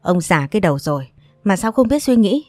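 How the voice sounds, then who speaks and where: A woman's voice: medium pitch, big pitch swings, fairly quick, mellow, no echo, natural voice. A woman voicing a hot-tempered young woman who angrily scolds her older brother. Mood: furious. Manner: angry, scolding.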